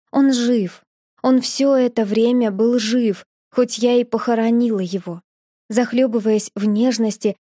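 A woman narrating with a mellow, dark tone. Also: fairly high pitch, no echo, studio quality. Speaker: audiobook narrator. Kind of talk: scripted narration.

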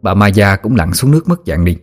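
Một người đàn ông miền Nam đọc truyện ma dân gian, giọng trầm vừa, gần gũi. Âm nền là tiếng nhạc khẽ. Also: male voice, fairly low pitch, sing-song, a little fast, soft background music. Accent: Southern Vietnamese. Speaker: storyteller. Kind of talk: audiobook narration.

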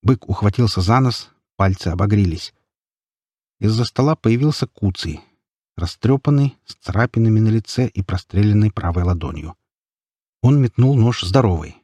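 Low husky male audiobook narrator. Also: darkish tone, no echo. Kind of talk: first-person audiobook narration.

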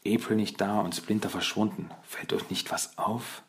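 A man voicing a calm, brainy young male turtle in an audiobook, speaking in a slow, hushed way. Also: lowish voice, slight background noise, natural voice. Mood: hushed careful.

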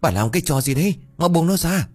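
A man voicing a stern middle-aged village father who shouts and scolds. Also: sits low, expressive, a little fast, soft background music. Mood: scolding.

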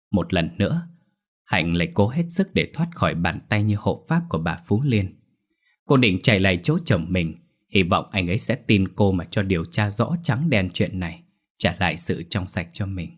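A man narrating a dark horror story in a vivid, expressive storytelling manner. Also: deep voice. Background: soft background music.

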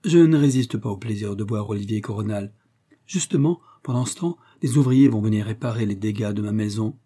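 Kind old male professor read by a man, courteous, thoughtful, mellow, husky. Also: lowish voice, a little fast, close to an everyday voice.

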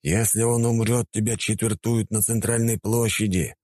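A man's voice: lowish voice, fairly even intonation, normal speed, darkish tone, no room sound, clean studio sound, voice pushed up, lightly acted. A man reading an audiobook, voicing a stern male army commander who barks orders.

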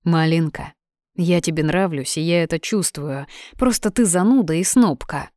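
Read by a woman, a cocky young student who teases and gives orders. The voice sits low and the sound is dry and close, read as an audiobook. The bossy manner carries through. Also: normal speed, warm tone, no room sound, close to an everyday voice. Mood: teasing. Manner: teasing, bossy.

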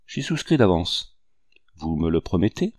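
A man's voice: low voice, sing-song, measured pace, a little mellow, dry recording, clean studio sound, heavily acted. A man voicing a hearty French general in chief, courteous and commanding.

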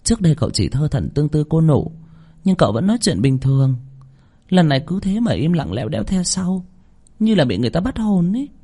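A man's voice: a little high, very animated, a little fast, husky, voice pushed up, full character voice. A man putting on a curious young housemaid. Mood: whispering gossip. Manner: hushed gossiping chatter.

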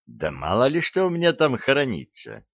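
A man's voice: medium pitch, wildly swooping pitch, normal speed, no room sound, voice pushed up. A man voicing a frightened, then menacing wizard who hisses and blusters, on a dull lo-fi recording. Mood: indignant. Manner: hissing, angry, blustering.

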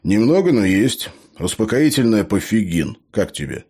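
A man's voice: lowish voice, very animated, moderate pace, mellow, slightly rough, voice pushed up. A man voicing a tired, honest male hero in an audiobook, with a reluctant, sighing manner. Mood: weary.

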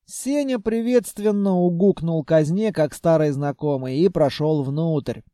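Brief: man reading a fantasy audiobook, measured and wry, unhurried, dry studio sound. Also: fairly high pitch, mellow, dry recording. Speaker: audiobook narrator. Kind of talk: audiobook narration.

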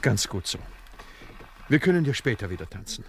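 An actor playing a gruff, blunt grown man in a radio play, speaking plainly and bluntly. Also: on the low side, moderate pace, slight background noise. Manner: blunt, lively intonation.

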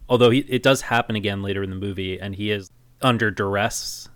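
A man's voice: on the low side, steady tone, a little fast, smooth, dry recording. A man co-hosting a casual movie-review podcast, opinionated with dry sarcastic asides. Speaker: podcast co-host.

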